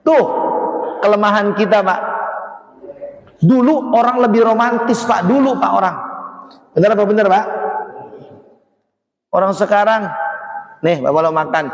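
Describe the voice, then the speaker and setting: A man's voice: high voice, measured pace, long pauses. A man preaching in a mosque and joking, often asking the crowd questions. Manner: jokey, keeps asking the audience questions. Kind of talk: mosque sermon with audience banter. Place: mosque hall. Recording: echoey mosque hall, muffled sound.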